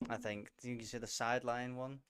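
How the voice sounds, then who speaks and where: A man's voice: medium pitch, flat delivery, fairly quick, a bit bright, clear, resonant tone. A man co-hosting a football podcast in laid-back casual chat, often laughing. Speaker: podcast co-host.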